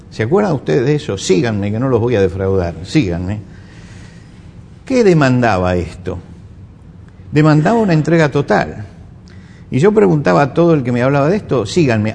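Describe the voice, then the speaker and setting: A man's voice: medium pitch, darkish tone, slight background noise. A man with an Argentine accent preaching a sermon, asking rhetorical questions and repeating phrases for emphasis. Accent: Argentine Spanish. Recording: echoey hall with faint ambience.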